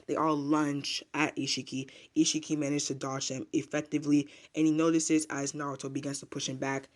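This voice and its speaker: A man's voice: a little high, little pitch movement, brisk. A man casually retelling a manga chapter as a reviewer, rambling with filler words and restarts.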